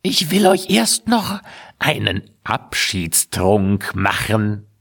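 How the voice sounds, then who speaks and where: Sly old witch with a rasp, falsely sweet, slow and drawn out, played by a man for a storybook reading. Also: fairly low pitch, very animated, fairly bright tone, heavily acted. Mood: false friendliness. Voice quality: rasping, snarling. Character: scheming old witch woman, falsely friendly.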